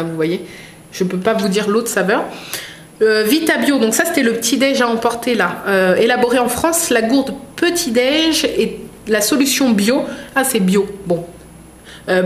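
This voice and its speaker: A woman vlogger chatting casually as she unboxes products, reading labels aloud with many fillers. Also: a little high. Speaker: vlogger unboxing a food box. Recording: echoey room with faint noise.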